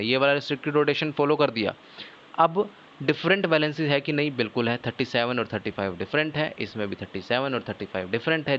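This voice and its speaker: Hindi chemistry teacher asking students questions. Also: male voice, mid-range voice, a bit bright, highs cut off, slight background noise. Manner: explains step by step, often asking students questions and answering himself; mixes English technical terms into Hindi. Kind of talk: online lecture.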